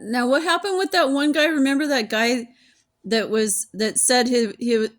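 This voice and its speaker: A woman's voice: fairly high pitch, moderate pace. A woman in casual chat who laughs a lot and asks questions, recorded in a secretly taped conversation.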